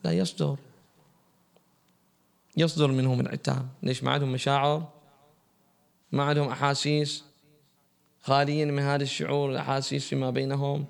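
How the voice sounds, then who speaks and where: A man's voice: mid-range voice, flat delivery, brisk, creaky, long pauses. A man giving a religious lesson, asking his class questions and answering them himself. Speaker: religious teacher.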